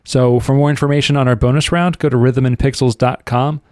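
A man's voice: medium pitch, fairly even intonation, fairly quick, a little mellow, dry recording, studio quality. A man co-hosting a podcast, talking in a laid-back way and giving short agreeing replies. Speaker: podcast co-host. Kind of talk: casual chat.

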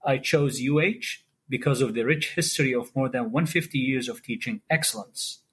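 A man's voice: medium pitch, moderate pace, breathy edge. A man from Saudi Arabia, a cardiology fellow, giving a polite, formal self-introduction as a podcast guest.

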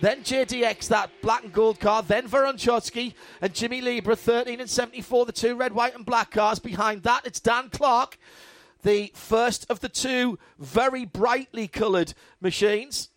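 A man's voice: extremely high pitch, normal speed, fairly bright tone, no room sound. A man giving live motorsport commentary as an enthusiastic, descriptive race commentator.

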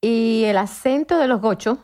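A woman's voice: a little high, normal speed, darkish tone. A woman with a Caracas Venezuelan accent hosting a casual interview, chatty and telling stories that act out quoted speech. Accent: Caracas Venezuelan Spanish. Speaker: host.

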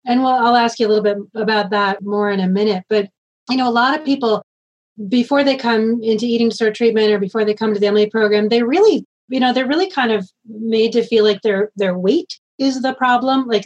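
A woman interviewing a guest for a treatment program, leading into questions conversationally with gentle fillers. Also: a little high, fairly even intonation, fast, highs cut off.

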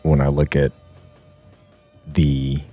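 Guest producer, thirty, very low voice, relaxed rambling chat, faint music under. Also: male voice, takes it slowly. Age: 30s. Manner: laid-back, rambling, swears freely. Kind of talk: casual podcast chat.

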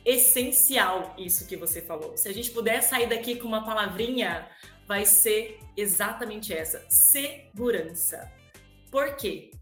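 A Brazilian woman speaks as a parental educator in a casual, animated way. She keeps slipping into short acted-out quotes. Her bright, forward tone rings in a roomy, echoing space. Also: mid-range voice, unhurried, faint music behind. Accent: Brazilian Portuguese. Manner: animated, acts out little quoted scenes. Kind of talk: casual chat.

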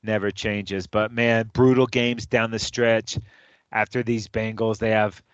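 A man's voice: fairly low pitch, flat delivery, measured pace, clean tone, no echo. A man chatting football picks in an easy, jokey way, tossing in "dude" as he goes. The sound is dry and close, a little muffled. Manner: loose, jokey, calls his partner dude. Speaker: sports podcast co-host. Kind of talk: casual sports chat.

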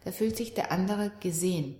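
A middle-aged woman talking calmly and reflectively as an interview guest about parenting and relationships. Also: lowish voice, fairly quick. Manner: calm, reflective, animated when quoting her daughter. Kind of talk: conversational interview. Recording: roomy echo.

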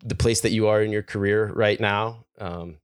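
A man's voice: lowish voice, fairly even intonation, normal speed, smooth, no room sound. A man hosting a music podcast interview, asking questions hesitantly with many restarts. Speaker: podcast host.

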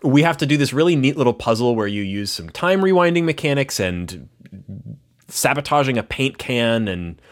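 A man hosting a casual game discussion in an animated, gushing manner. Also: medium pitch, moderate pace. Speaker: podcast host.

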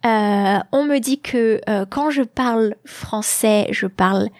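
A woman's voice: on the high side, takes it slowly, a little mellow, no echo. Hesitant French woman podcasting, dry mic. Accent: French with slight English influence. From France. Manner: hesitant, many fillers and restarts. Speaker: podcast host. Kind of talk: casual podcast monologue. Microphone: large studio mic with headphones.

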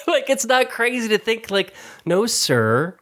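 A man co-hosting a podcast in casual chat, animated and profane, laughing often. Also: very high-pitched, slow. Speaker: podcast co-host.

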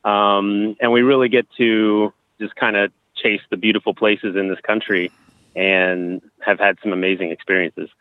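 Low male voice, phone-like sound, man in his thirties, casual interview answers. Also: level tone, moderate pace, clear, resonant tone, no room sound. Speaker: interview guest. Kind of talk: casual conversational interview, telling personal experiences. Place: outdoors at a campground. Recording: thin phone-like line.

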